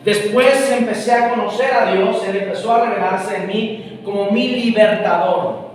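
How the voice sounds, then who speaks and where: Brief: male preacher, animated storyteller, high voice, heard from afar in a long-reverb hall. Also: moderate pace, recorded from a distance. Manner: animated, acts out both sides of a phone call. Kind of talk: sermon storytelling. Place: church hall.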